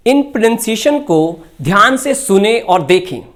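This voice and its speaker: A woman with an Indian accent narrating a scripted lesson, explaining slowly and deliberately. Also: medium pitch, lively intonation. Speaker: English teacher.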